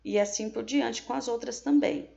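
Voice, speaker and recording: A woman's voice: on the high side, normal speed, creaky, warm tone, muffled recording. A woman with a Brazilian Portuguese accent, teaching a remote lesson to young pupils and explaining each step patiently, with frequent checks. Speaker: primary school teacher.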